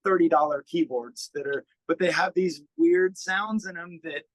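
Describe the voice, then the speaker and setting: Poor audio captures a man with a bright, fairly high voice, recorded dry and nearly room-free. He's a musician in an interview, chatting casually and halting as he works through his explanations.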